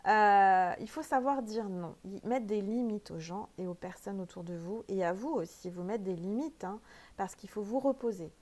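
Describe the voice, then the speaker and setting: A woman's voice: mid-range voice, normal speed, darkish tone. A woman with a French accent doing a casual spiritual oracle card reading, chatty and emphatic, with many fillers.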